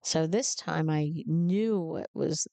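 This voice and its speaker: A woman from New Jersey, a truck driver and trainer, telling a personal story in an animated, emotional way. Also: low-pitched, slow pace, gravelly, dry recording.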